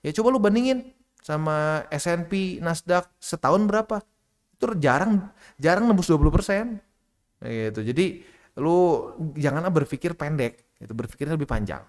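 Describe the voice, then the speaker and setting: Brief: male crypto host, casual monologue, blunt and teasing, voice pitched a bit high, pops up into shrill mock scolding. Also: expressive, moderate pace.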